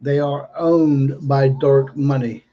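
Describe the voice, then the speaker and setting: A man's voice: medium pitch, flat delivery, slow pace. A man with the slightly slurred speech of someone without teeth, giving an emphatic, unscripted political monologue on a livestream and repeating phrases for weight. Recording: dull lo-fi stream audio.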